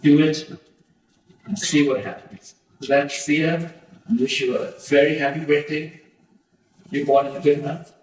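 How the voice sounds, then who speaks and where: Middle-aged man, pandit giving a devotional talk, earnest and direct, slightly high voice, very echoey hall, heard from far off. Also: steady tone, normal speed, pauses often. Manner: earnest, direct address to listeners. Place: community temple hall.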